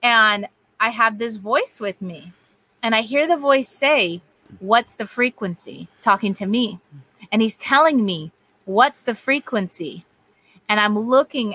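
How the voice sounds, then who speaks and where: A woman telling a spiritual story in casual chat, animated and quoting voices as she goes. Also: fairly high pitch, a little slow. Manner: animated, quotes voices, laughs easily. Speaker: guest sharing testimony.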